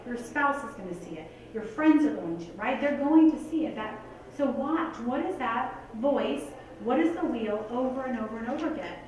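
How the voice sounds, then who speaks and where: An earnest woman delivers a motivational talk in a chatty, direct way. Her fairly high voice carries through a big, echoey hall and is picked up from a distance. A faint room hum sits under it. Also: lively intonation, moderate pace, darkish tone. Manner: earnest, conversational, heavy use of "like" and "you guys". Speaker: motivational speaker. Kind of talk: motivational talk to a live audience.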